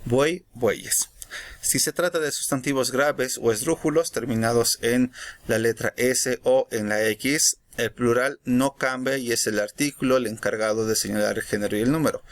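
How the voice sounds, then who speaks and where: A man teaching a recorded grammar lesson, explaining in a measured way and checking in with short questions. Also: mid-range voice, steady tone.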